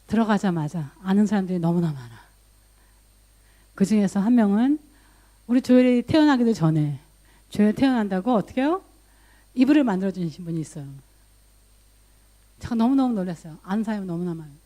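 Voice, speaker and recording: A woman's voice: mid-range voice, animated, fairly quick, long pauses, dark tone. A woman pastor giving a sermon in a conversational storytelling way, sprinkling in English words and lifting her voice when she quotes her own prayers. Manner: mixes English loanwords into speech.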